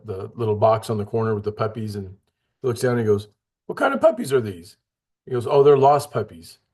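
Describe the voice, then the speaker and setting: A man with a husky, slightly breathy voice leads a relaxed Bible study. He talks earnestly and conversationally, and he acts out the people he quotes. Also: on the low side. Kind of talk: casual Bible study talk.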